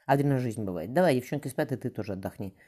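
A loving, devout stepfather, voiced by a man narrating a storybook who speaks softly and kindly. The tone is dark and mellow, the pace quick. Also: medium pitch, animated, lightly acted. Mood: gentle.

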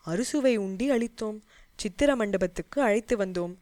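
A woman's voice: medium pitch, normal speed, a little mellow, no echo, close to an everyday voice. A woman voicing a deferential male palace guard pleading with his master. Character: subservient male palace guard, excusing himself.

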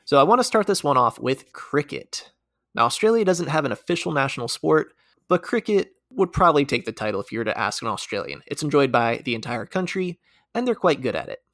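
An American man co-hosting a casual talk show, leading the segments with lively, fact-filled explanation. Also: medium pitch, dry recording, studio quality. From United States. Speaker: podcast co-host.

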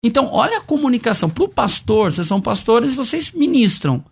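A man's voice: very high voice, very animated, a little fast, creaky, slightly rough. A man with a Brazilian accent, a bishop arguing his point in a debate with emphatic, preacher-like repetition. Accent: Brazilian Portuguese. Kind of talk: debate on worship.

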